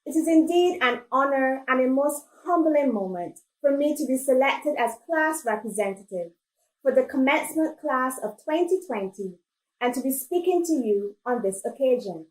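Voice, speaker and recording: A woman's voice: high-pitched, expressive, normal speed, roomy sound, low-quality recording. A woman from Barbados, the graduating class speaker, reading a formal speech of thanks.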